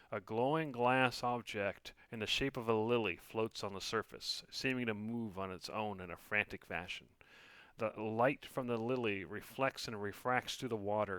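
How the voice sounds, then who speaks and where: A man's voice: fairly low pitch, sharp tone, clean tone, no room sound. A man narrating a tabletop role-playing game as the game master, describing scenes and prompting players.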